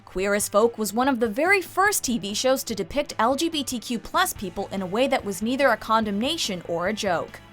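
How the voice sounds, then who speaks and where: A woman's voice: a little high, animated, fairly quick, few pauses, fairly bright tone, soft background music. A woman reading scripted narration as the narrator of a countdown video.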